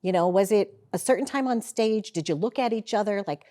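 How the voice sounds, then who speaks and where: Hosting a casual interview, the St. Louis, Missouri woman has a mid-range, mellow voice and a brisk delivery, and she asks her guests questions with effusive enthusiasm.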